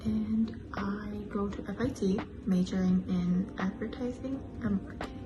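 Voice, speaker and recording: 21 yo girl, soft and simple, music playing under. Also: medium pitch, normal speed, muffled recording. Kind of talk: casual self-introduction.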